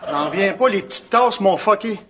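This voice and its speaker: A cocky young bachelor with a Quebec French accent, his voice pitched quite high. He keeps up playful, boastful banter, with loud noise in the recording. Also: lively intonation, normal speed, a loud crowd. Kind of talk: sitcom acting.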